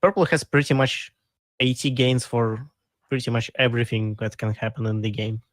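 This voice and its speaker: A man with a mid-pitched voice co-hosts a casual card game chat, explaining points plainly and matter-of-factly. The recording is dry and close, with no room sound. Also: fairly even intonation, normal speed, dry recording. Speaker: co-host.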